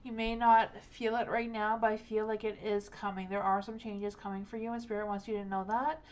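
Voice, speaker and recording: A woman's voice: medium pitch, little pitch movement, a little fast, slight background noise. A young woman live-streaming tarot readings, talking in a rambling, hesitant way with many likes and ums. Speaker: tarot reader.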